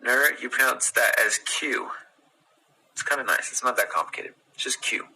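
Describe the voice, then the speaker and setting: Casual American male pronunciation coach, low husky voice with a bright edge, repeats words slowly. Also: low-quality recording. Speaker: pronunciation teacher.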